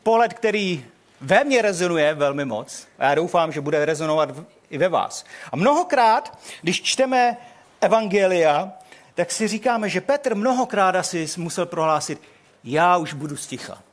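Animated older male preacher. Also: sits high. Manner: animated storytelling, acts out quotes. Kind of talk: sermon. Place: hall.

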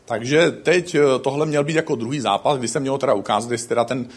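A man's voice: medium pitch, husky. A man preaching a sermon, telling stories with acted-out quotes. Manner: animated storytelling with acted quotes.

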